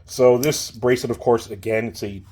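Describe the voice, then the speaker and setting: A man's voice: mid-range voice, fairly even intonation, moderate pace, a little mellow. A man giving a casual, chatty watch review, laid-back and talking straight to the viewer.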